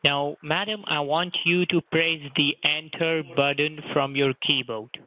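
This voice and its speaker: A man's voice: on the high side, fairly even intonation, measured pace, bright, forceful tone, no room sound. A man posing as customer support on a phone call, insistent and evasive. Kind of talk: scripted call-center phone talk.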